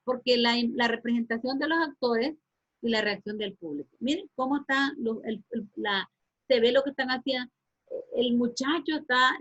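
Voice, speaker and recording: A woman's voice: fairly high pitch, a bit bright, husky. A woman teacher giving an online class, hesitant with many fillers and restarts, asking her students questions. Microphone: video call. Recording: muffled lo-fi online call audio.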